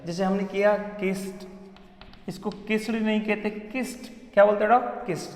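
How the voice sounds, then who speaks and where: A man's voice: high voice, fairly even intonation, fairly quick. A man teaching English grammar to his students with a Hindi accent, calling them "beta" and repeating questions back to the class. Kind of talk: classroom lesson at a board. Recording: echoey room with long reverb.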